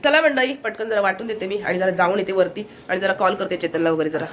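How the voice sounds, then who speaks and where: Brief: woman vlogger, Konkan Marathi accent, brisk chatter to a phone camera. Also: mid-range voice, slight background noise. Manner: chatty, shows things to the camera. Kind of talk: casual daily vlog narration. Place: family home, indoors.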